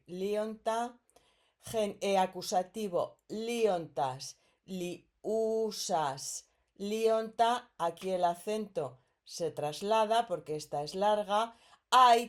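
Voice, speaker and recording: Slow, patient Spanish teacher woman. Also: lowish voice, darkish tone. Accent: Spain. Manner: patient, explains step by step with checking "¿eh?". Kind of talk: recorded grammar lesson.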